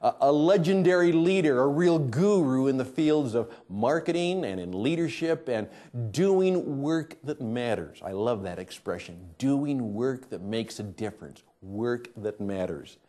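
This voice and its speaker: Animated middle-aged male show host. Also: medium pitch, a little slow, hardly any pauses. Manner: emphatic, swings between loud and hushed. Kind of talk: energetic presenting to camera. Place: studio production floor.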